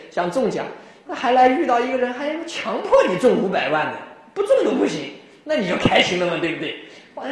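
A man giving a Buddhist dharma talk, telling stories in an animated way and often chuckling. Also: high voice. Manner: animated storytelling, frequent chuckles. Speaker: Buddhist teacher. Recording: very echoey room.

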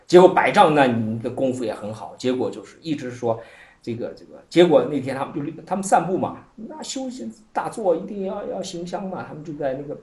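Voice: mid-range voice, animated, fairly quick, a little mellow. A Buddhist teacher giving a Chan dharma talk and telling an old koan as a story, laughing often and leaning on many filler words. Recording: echoey room.

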